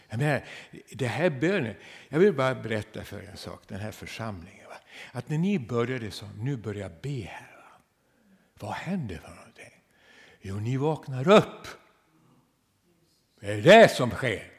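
A man preaching a sermon to his congregation, swinging from loud, emphatic passages to hushed near-whispers and tagging rhetorical questions with a quick "va?". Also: mid-range voice, gravelly. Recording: long reverb of a church hall.

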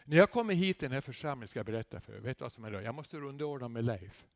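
Male preacher, conversational sermon with loud emphatic climaxes, dry recording. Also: medium pitch, lively intonation, no room sound. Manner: tag questions and asides to the congregation. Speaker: guest preacher.

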